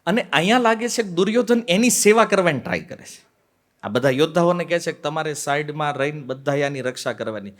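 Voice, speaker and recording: A man gives a devotional lecture on scripture in a somewhat raised voice. He tells the story with rhetorical questions and acts out the quoted voices, switching between loud stresses and dropped, quiet asides. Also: fairly high pitch. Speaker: devotional speaker on the Bhagavad Gita.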